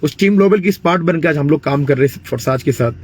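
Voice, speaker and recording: A man in his late twenties from India, delivering a persuasive motivational sales pitch for network marketing. He mixes English phrases into his talk, leans on fillers like "you know" and often clears his throat. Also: fast, darkish tone. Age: 20s.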